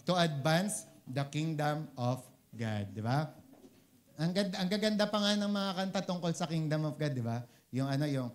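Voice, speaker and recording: A man's voice: a little high, lively intonation, normal speed. A man with a Filipino accent giving a casual sermon, often asking "di ba?" and switching into English phrases. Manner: conversational, keeps asking "di ba?", mixes English phrases. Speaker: preacher.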